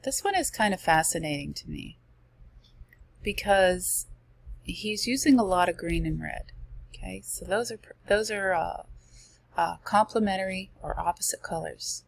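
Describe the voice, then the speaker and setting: Losing her voice, a woman with a gravelly, mid-range tone presents art slides at a normal speed. She's animated and chatty, reading passages and then commenting with casual asides.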